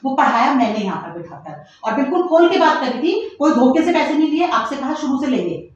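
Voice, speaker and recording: A woman from northern India speaks as a school principal defending her position, high-pitched and quick, going back over the same points again and again. She sounds distant and muffled, caught in a very echoey office with faint background noise. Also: very animated. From Uttarakhand, India. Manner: insistent, argumentative, repeats her points.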